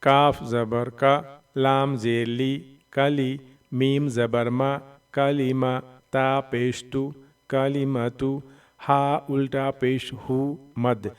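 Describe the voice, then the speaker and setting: A man teaching Quran reading, slowly sounding out letters and syllables, drawing out the long vowels, with a voice that cracks when he strains it. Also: mid-range voice, flat delivery, smooth, far from the mic. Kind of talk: Noorani Qaida recitation lesson.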